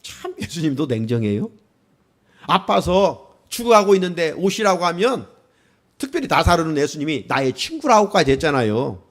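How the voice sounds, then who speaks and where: Animated high-pitched male pastor preaching. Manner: animated preaching with rising exclamations; asks the congregation questions. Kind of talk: sermon.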